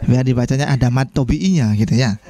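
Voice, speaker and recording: A man's voice: medium pitch, fast talker, mellow. A man teaching beginner Arabic in an online class, encouraging students and ending phrases with a questioning "ya". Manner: encouraging, frequent "ya" tags.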